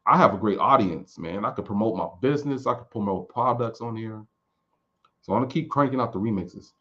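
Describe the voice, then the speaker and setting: This late-thirties music producer has a fairly low, rather bright voice and a brisk delivery, though the recording cuts off the highs. He rambles loosely while answering viewers in a casual live chat, restarting often.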